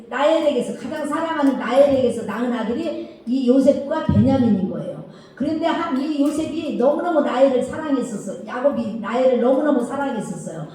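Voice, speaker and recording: A woman's voice: sits high, far from the mic. Woman preaching in an echoey church hall. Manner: animated retelling with acted quotes. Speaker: children's worship preacher. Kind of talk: storytelling sermon to children.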